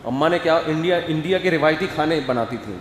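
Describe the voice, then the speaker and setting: Animated male preacher in echoey hall. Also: on the high side, a little hiss or hum. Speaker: Islamic scholar giving a talk. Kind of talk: lively religious lecture. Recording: echoey hall with long reverb, faint ambience.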